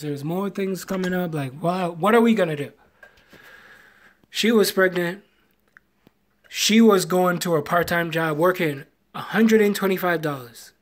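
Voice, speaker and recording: A young man with a Jamaican accent, casually telling a rambling personal story on a live video and retelling past conversations. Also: sits high. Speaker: vlogger.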